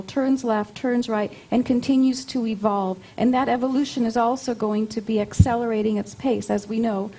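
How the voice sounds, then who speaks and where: A woman's voice: fairly high pitch, vocal fry, mellow, breathy edge, poor audio. A woman being interviewed, explaining things conversationally and often repeating her phrases as she goes. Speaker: interview guest, spiritual channeler.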